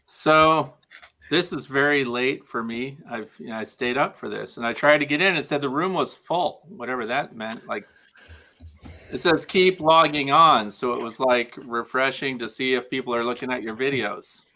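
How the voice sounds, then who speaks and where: A man chatting as a guest on a livestream video call, giving advice with deadpan dry humor. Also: mid-range voice, normal speed. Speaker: guest beekeeping video maker. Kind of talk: casual livestream chat.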